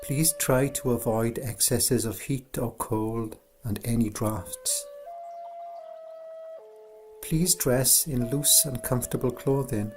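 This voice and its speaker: Over music, a male instructor narrates a scripted guided meditation. His medium-pitched delivery is soothing, gentle and unhurried.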